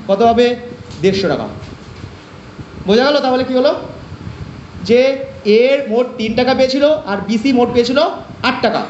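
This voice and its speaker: Fast high-voiced man teaching math. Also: slight background noise. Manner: repetitive question-and-answer teaching. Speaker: math tutor. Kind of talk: online class lecture. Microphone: online class call. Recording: echoey, dull lo-fi online class audio.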